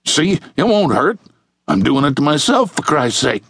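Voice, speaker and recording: A man's voice: on the high side, big pitch swings, normal speed, creaky, fairly bright tone, slightly rough, no echo, clean studio sound, voice pushed up, exaggerated voice. Man doing a pleading nervous middle-aged man. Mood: coaxing.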